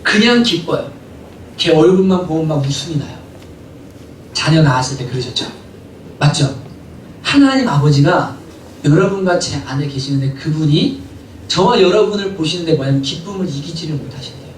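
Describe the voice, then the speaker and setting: A male pastor preaching a sermon in a church, animated and often asking the congregation questions. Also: fairly high pitch, moderate pace, long pauses, slight background noise. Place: church sanctuary. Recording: echoey hall from a distant mic.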